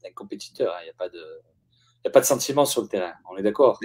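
A man hosting a casual interview, relaxed and familiar, prompting his guest with short questions. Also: lowish voice, fast, husky. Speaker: interviewer, host.

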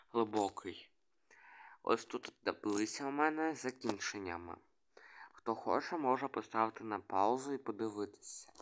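Bright-voiced man hesitantly walking through slides. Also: on the low side. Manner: hesitant, reading letters one by one, many restarts. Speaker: hobbyist presenting a made-up language. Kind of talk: screen-share explainer.

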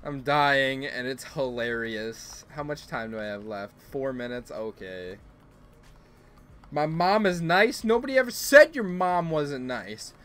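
A man hosting a game livestream, chatting casually and bursting into playful mock-outraged yelling for his chat. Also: mid-range voice, animated, a little slow. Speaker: gaming livestream host.

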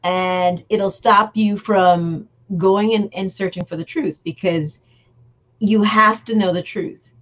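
A woman's voice: medium pitch, steady tone, slow pace, fairly bright tone, muffled recording. A woman, a guest author, talking earnestly and at length in a casual chat over a video call. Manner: earnest, emphatic, explaining at length.

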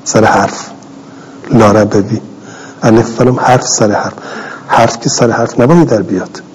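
The recording is low quality, carrying a little hiss or hum, as a middle-aged male cleric lectures in fairly even intonation, his voice on the low side. He reads Arabic text and explains it in plain, repeated Persian, rephrasing for clarity.

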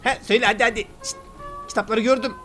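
A man talking excitedly and casually while he plays a game and comments on it. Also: extremely high pitch, fast talker, soft background music. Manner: chatty, excitable, slangy banter. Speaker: gaming YouTuber. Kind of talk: let's play commentary.

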